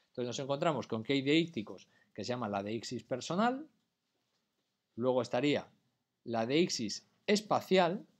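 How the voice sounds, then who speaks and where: A man teaching a class, explaining patiently and often checking whether students follow. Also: mid-range voice. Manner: patient, keeps checking understanding with questions. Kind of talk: classroom lecture.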